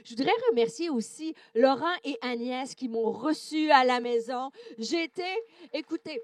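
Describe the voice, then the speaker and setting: Québécois lady preacher, high voice, chatty and bold, lots of euh, dry sound. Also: normal speed, no room sound. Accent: Québécois French. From Quebec, Canada. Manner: animated, with frequent hesitations. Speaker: guest preacher. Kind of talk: sermon.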